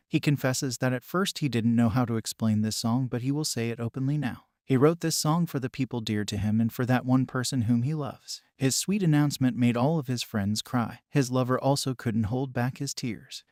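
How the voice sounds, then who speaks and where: A man narrating a comic story recap in a steady scripted way, with brief personal asides. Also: mid-range voice, no echo, studio quality.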